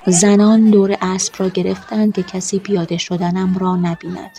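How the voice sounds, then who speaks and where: A woman narrating a first-person story in a quiet, measured way. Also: mid-range voice, level tone, gravelly.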